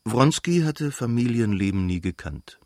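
A man calmly reading a novel aloud as an audiobook narrator in a measured way. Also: mid-range voice, no room sound, studio quality. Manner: calm, measured storytelling.

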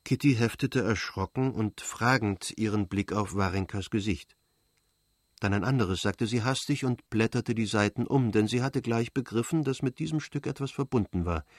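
A man narrating an audiobook in a measured, even reading voice. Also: lowish voice, no echo, clean studio sound. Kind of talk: scripted narration.

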